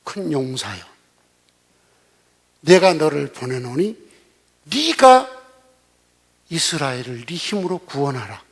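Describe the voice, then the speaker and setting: A solemn angel messenger, voiced by an older pastor. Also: male voice, fairly high pitch, sing-song, slow pace, long pauses, husky, voice pushed down, heavily acted. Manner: solemn, archaic proclamation.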